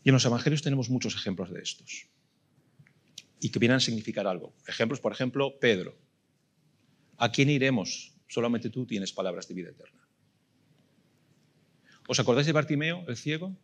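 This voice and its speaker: A man's voice: medium pitch, expressive, fairly quick, pauses often, slightly rough. A middle-aged man with a Spanish accent from Spain preaching a sermon, emphatic and full of rhetorical questions that he repeats for weight. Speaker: pastor.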